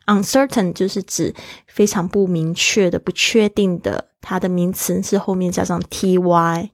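A woman teaching English vocabulary in a bilingual lesson, slowing down to spell words out letter by letter. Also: medium pitch, darkish tone, no echo, studio quality.

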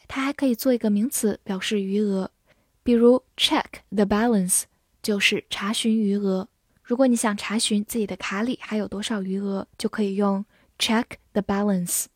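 A woman teaching English vocabulary in a scripted lesson, spelling each word letter by letter and reading example sentences slowly. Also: fairly high pitch, a little mellow, dry recording, clean studio sound.

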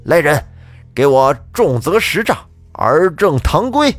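A man's voice: medium pitch, big pitch swings, slow pace, dry recording, soft background music. A man voicing a stern, imperious county magistrate who rebukes the court and lays out his verdict. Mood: bellowing. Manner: commanding, bellowing rebukes.

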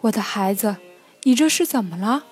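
A woman's voice: mid-range voice, expressive, moderate pace, darkish tone, husky, soft background music. A woman voicing a kind, patient mother goat in a children's storybook reading, speaking in a soothing, coaxing way.

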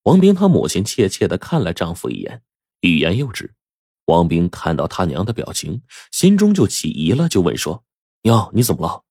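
A male storyteller with a low, husky voice that rises and falls with lively expression as he narrates. The sound is dry and close to the mic, with no room around it. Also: moderate pace, no room sound. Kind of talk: dramatic storytelling.

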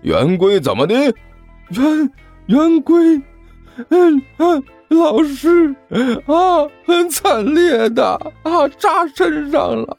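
A man's voice: a little high, very animated, moderate pace, darkish tone, breathy edge, faint music behind, voice pushed up. A man voicing a chubby, panicky schoolboy who whimpers, groans and stammers dramatically. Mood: wailing in pain.

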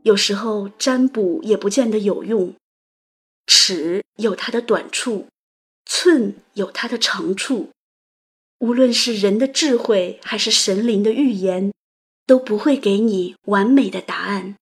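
A woman host narrating a literary story in a delicate, gentle, romantic manner. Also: medium pitch, measured pace, breathy edge. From China. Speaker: audio program host and narrator.

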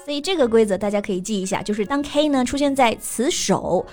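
Woman spelling out English words slowly. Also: a little high, expressive, a little mellow, soft background music. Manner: spells out words letter by letter, slows down on English examples. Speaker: co-host of an English lesson podcast. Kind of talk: casual bilingual lesson chat.

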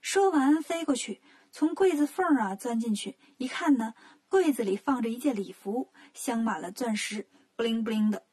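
A woman reads a children's story aloud with lively, expressive storytelling. Her voice is high and breathy. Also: normal speed.

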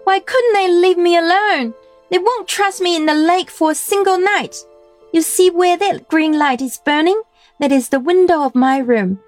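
A woman's voice: extremely high pitch, moderate pace, soft background music, pitched above the performer's own voice. A woman voicing a playful, willful young princess in a storybook reading, with a lilting delivery.

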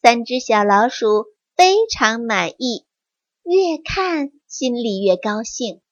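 A woman telling a bedtime story to a child, gentle and expressive. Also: a little high, slow pace, dry recording. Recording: dry, slightly muffled.

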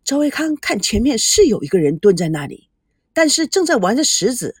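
A woman reads a novel aloud with an expressive, melodic delivery. Her voice is fairly high and swings widely in pitch. The sound is dry and close to the mic. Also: fairly quick, husky, no echo. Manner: expressive, does voices for every character. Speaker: narrator. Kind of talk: audiobook reading of a novel.

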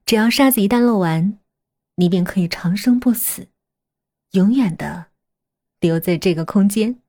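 Woman playing a husky scheming sister scientist. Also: medium pitch, moderate pace, mellow, lightly acted. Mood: eerie calm.

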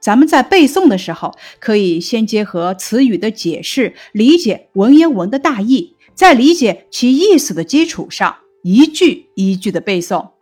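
A woman explaining a textbook lesson in a slow, measured teaching tone, lifting her voice on quoted classical lines. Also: fairly high pitch, very animated, darkish tone, faint music behind.

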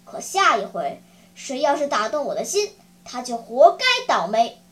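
A woman voicing a gruff, bearded male puppet master who is cold at first, then softens, and keeps breaking into sneezing fits. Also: a little high, very animated, normal speed, voice pushed down.

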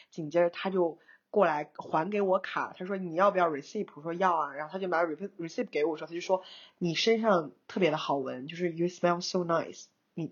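A young woman chats through a long personal story, animated and quick to laugh, dropping English words as she goes. Her voice sits low and husky. The recording sounds a little dull and lo-fi. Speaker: co-host, screenwriter. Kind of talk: casual storytelling chat.

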